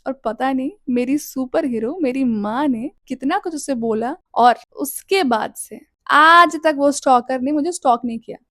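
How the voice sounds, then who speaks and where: A woman's voice: high voice, unhurried, few pauses, fairly bright tone, no echo, studio quality. A woman in her thirties telling a personal story in a casual way, acting out the lines she quotes and dropping in English phrases. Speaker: storyteller vlogger.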